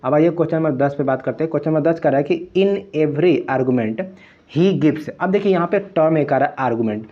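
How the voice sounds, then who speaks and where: A man's voice: fairly high pitch, fairly quick, lo-fi sound. A young man teaching as an exam tutor, going through quiz answers one by one and mixing English terms into his Hindi. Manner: explanatory, repeats phrases, mixes English terms into Hindi.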